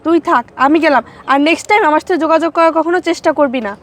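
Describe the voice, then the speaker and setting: A woman's voice: high-pitched, racing, natural voice. A woman playing a curt, scornful young woman. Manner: curt, dismissive.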